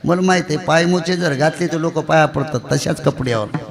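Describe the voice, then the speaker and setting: A man from the Marathwada region preaching a devotional kirtan sermon with stories, singing verses and switching between loud declaiming and hushed asides in a temple hall. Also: fairly high pitch, brisk, a crowd in the background. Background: tabla and music.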